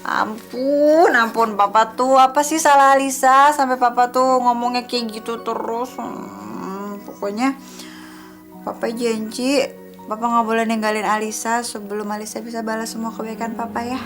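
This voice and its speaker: An actress playing a young university student who is spoiled, sharp-tongued and whiny. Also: female voice, on the high side, fairly even intonation, moderate pace, over music, close to an everyday voice. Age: young adult. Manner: snappy, whiny, casual slang.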